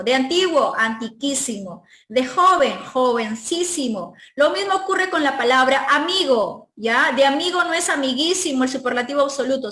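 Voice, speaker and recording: A woman with a Peruvian Spanish accent teaching an exam review lesson. She explains step by step, drawing out the example words and checking in often with quick tag questions. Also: sits high, fairly bright tone. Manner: stretches out and stresses example words. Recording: echoey room.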